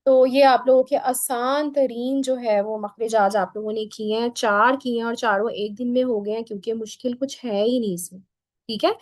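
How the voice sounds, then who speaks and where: A woman teaching Quran pronunciation in an online lesson, patiently drilling each sound by repeating it slowly. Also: fairly high pitch, fairly even intonation, a little mellow, dry recording.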